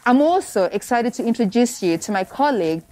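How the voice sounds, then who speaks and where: A woman's voice: fairly high pitch, lively intonation, brisk, dark tone. A woman presenting a documentary, her voice muffled by the face mask she is wearing.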